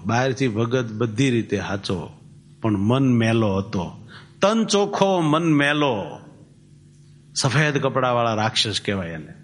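A man giving a sermon, telling stories and reciting scripture verses, then explaining them in plain, homely terms. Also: on the low side. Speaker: religious preacher. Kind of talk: sermon with storytelling.

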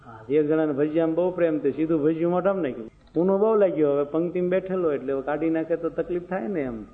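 A man's voice: fairly high pitch, fast. Man preaching in a reverberant hall. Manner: storytelling, rhetorical questions to listeners. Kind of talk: moral sermon with folk anecdotes. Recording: phone-like sound, long hall reverb.

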